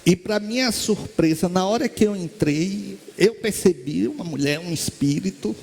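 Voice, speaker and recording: A Brazilian man with a high voice gives a spiritist talk from a stage. He tells stories in a lively way and acts out the voices of the people in them. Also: moderate pace, vocal fry, breathy edge. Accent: Brazilian Portuguese. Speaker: spiritist lecturer. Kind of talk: storytelling lecture. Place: lecture hall stage.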